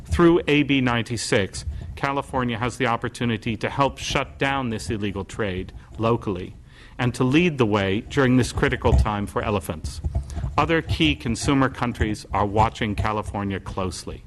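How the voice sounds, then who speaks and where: A man's voice: mid-range voice, moderate pace, a little hiss or hum, low-quality recording. A man testifying before a legislative committee, reading a prepared statement in an urgent, formal way.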